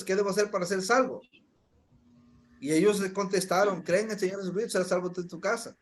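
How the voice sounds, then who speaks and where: A man preaching a sermon, emphatic, often calling his listeners brothers. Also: sits high.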